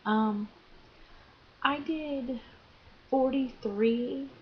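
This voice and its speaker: A young American woman records a casual video diary, speaking informally and haltingly with drawn-out pauses. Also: high-pitched. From Florida, United States. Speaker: vlogger. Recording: dull lo-fi sound, faint background noise.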